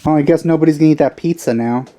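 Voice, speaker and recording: Low, dark-voiced woman gamer. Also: very fast, soft background music. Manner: playful, teasing asides. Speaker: let's play gamer. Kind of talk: casual gameplay commentary.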